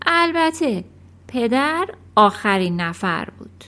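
A woman narrates a children's storybook with a bright, high voice. Her reading is expressive and animated, her pitch rising and falling freely. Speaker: audiobook narrator.

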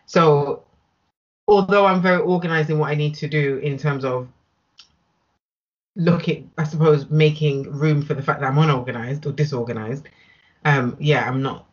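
A British woman with a low, steady voice speaks at a moderate pace in dull-sounding audio. She's a business owner appearing as an interview guest, talking casually, candidly and emphatically.

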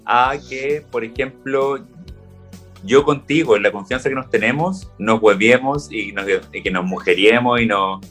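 A man's voice: mid-range voice, measured pace, soft background music. A young Chilean man chatting casually, telling stories and acting out what people said. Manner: relaxed storytelling, acts out quoted lines. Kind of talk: casual chat.

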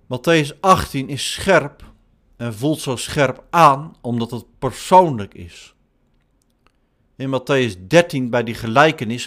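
A man preaching a sermon in slow, measured short phrases. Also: mid-range voice, a bit bright. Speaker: pastor.

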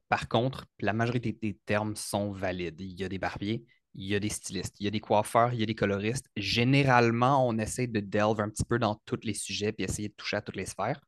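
Quebec guy, 30s, hairstylist guest, low voice, relaxed and hesitant, dry close sound. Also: dry recording. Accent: Quebec French. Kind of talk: casual interview.

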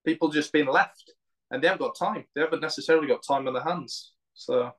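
A man's voice: a little high, brisk, a bit bright. A British man speaking as an interview guest in a casual, colloquial and earnest way. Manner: earnest, plain-spoken, colloquial. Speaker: podcast guest, founder of a men's mental health group.

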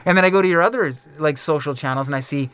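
A middle-aged man hosting a podcast in casual chat, an animated storyteller who fills his talk with "like" and "um" and acts out quoted voices. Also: fairly high pitch, fast, smooth. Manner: frequent fillers like "like" and "um". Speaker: podcast host.

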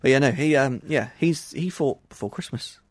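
An Englishman co-hosting a casual chat podcast rambles along, restarting his sentences and making jokes at his own expense. His voice is mid-range, his pace moderate, and there's no echo.

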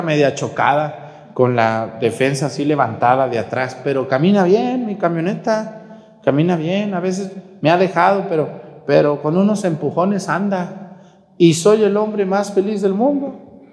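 A man's voice: high voice, normal speed, darkish tone, echoey room, big-room sound. A man with a Mexican accent preaching a sermon during Mass. He scolds the viewers bluntly and asks many rhetorical questions. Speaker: priest.

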